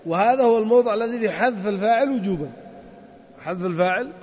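A man with a high voice teaches a grammar class and keeps quizzing his students. He stretches the example words out slowly. The recording is dull, with a long reverb from the classroom. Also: animated, a little mellow. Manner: drills students with questions, drawls out example words. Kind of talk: classroom lesson.

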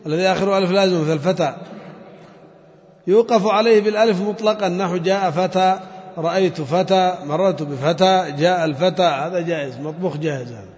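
A man teaching a classroom lesson on Quran recitation, drilling examples slowly, chanting phrases and quizzing his students. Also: high voice, darkish tone. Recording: long reverb, dull lo-fi sound.

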